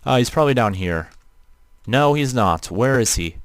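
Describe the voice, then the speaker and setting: A man with a robotic-sounding natural voice, giving casual live game commentary in a halting way, often rephrasing as he goes. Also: medium pitch, animated, no echo, studio quality. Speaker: livestreamer playing an online role-playing game. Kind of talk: casual gameplay livestream commentary.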